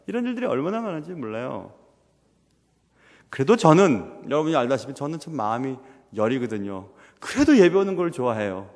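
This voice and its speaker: A young man preaching a sermon as pastor, earnest and full of rhetorical questions, sometimes dropping to a hush. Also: mid-range voice, big pitch swings, a little fast. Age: young adult. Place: church sanctuary. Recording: long reverb of a church hall.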